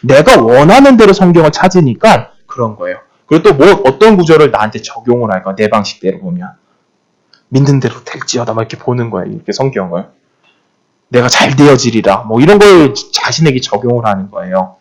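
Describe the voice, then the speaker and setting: A man preaching a sermon, his pitch rising and falling in a lively, animated way. He keeps asking rhetorical questions and repeats key phrases to drive each point home. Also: a little fast.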